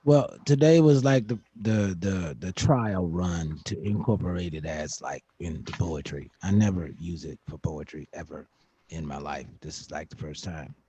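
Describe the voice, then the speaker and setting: A man, a poet and vocalist, giving thoughtful, informal answers on a panel with careful, deliberate wording. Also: low-pitched, warm tone, breathy edge.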